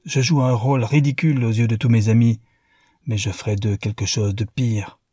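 A man voicing a wealthy man filled with bitterness and fury, rising to passionate outbursts, with a husky, dark, dry sound. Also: mid-range voice, fairly even intonation, normal speed, no room sound, close to an everyday voice. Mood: furious. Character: wealthy man, bitter and furious after betrayal.

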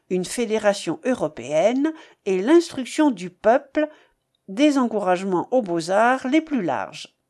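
Reading a classic novel aloud as an audiobook narrator, this woman uses a mid-range voice and a measured, expressive delivery.

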